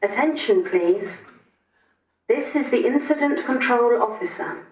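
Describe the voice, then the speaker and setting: A woman as incident control officer, giving a slow, measured emergency announcement heard over a public address loudspeaker. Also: on the high side, lively intonation, slight background noise. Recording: distant muffled loudspeaker in an echoey courtroom.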